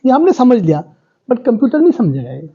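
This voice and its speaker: High-voiced man giving a lecture. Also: wildly swooping pitch, a little fast, creaky, slightly rough. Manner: explanatory, teaches through everyday examples, checks with "right?". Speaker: professor lecturing. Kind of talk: university lecture. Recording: dull lo-fi lecture recording.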